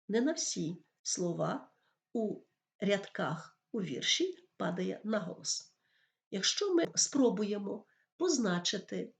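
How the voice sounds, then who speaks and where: A woman teacher giving a school lesson on poetry, explaining patiently and reading verse lines aloud. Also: mid-range voice. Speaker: literature teacher.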